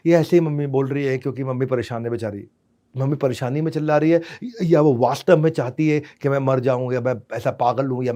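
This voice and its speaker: A man's voice: medium pitch, mellow. Theatrical man speaking in rhymes. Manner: theatrical, rhyming, mixes English into Hindi. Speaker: motivational parenting speaker. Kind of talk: stage seminar talk.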